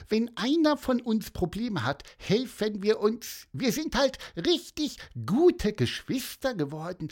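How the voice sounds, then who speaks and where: A chirpy, self-important little bird. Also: male voice, high voice, voice pushed up, exaggerated voice. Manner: piping, eager, chatty. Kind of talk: storybook voice acting.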